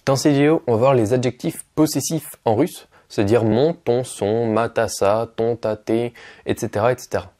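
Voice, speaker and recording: A man teaching Russian in as a casual video lesson, patient and unhurried, with frequent fillers as he spells words out. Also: medium pitch, mellow.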